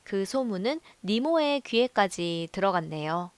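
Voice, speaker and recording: A woman narrating a film review in a calm, measured storytelling voice. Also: mid-range voice, a little hiss or hum. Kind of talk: scripted voice-over narration.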